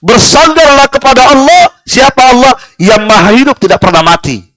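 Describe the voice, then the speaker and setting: Lively preacher man with high voice. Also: no echo. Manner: lively and rhetorical, keeps asking the room "kenapa?" and answering himself; recites Arabic verses in a slow chant. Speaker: ustadz teaching Quran exegesis. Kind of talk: live sermon-style study class. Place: prayer room.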